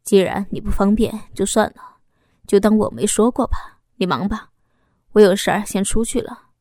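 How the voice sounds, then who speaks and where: A woman voicing a stern middle-aged male bureau chief with a smooth, falsely polite official tone. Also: medium pitch, moderate pace, mellow, no echo, clean studio sound, lightly acted.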